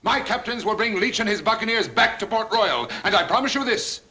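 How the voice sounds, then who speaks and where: An actor playing a blustering, defiant pirate turned governor in a 1940s swashbuckler film, bombastic and full of colorful oaths. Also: male voice, high-pitched, expressive, fairly quick, bright, forceful tone, full character voice. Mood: defiant, scornful. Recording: 1940s film soundtrack, faint music behind.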